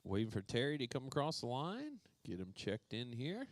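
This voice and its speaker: Lively joking man calling an RC race. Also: medium pitch, normal speed, no echo. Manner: playful, joking, calls out drivers by name. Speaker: RC race announcer. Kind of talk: live race commentary. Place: indoor RC racetrack.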